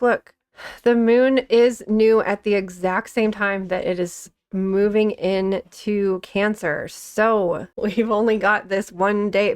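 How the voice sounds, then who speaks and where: A woman hosting a casual astrology update, chatty and excitable, often restarting and correcting herself mid-sentence. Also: medium pitch, smooth. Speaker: astrology channel host.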